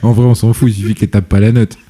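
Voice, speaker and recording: Mellow low-voiced joking man. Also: level tone, very fast. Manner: joking, rambling storyteller. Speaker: podcast co-host. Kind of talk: casual chat.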